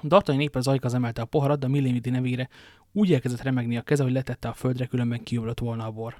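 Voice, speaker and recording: A man's voice: mid-range voice, steady tone, mellow, dry recording. Man narrating an audiobook, dry sound. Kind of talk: scripted narration.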